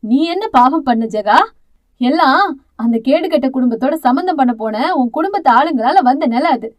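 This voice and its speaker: A woman's voice: high voice, lively intonation, moderate pace, muffled recording. A woman voicing a fierce, domineering middle-aged aunt who scolds with harsh contempt, in an audio novel. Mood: firm reassuring.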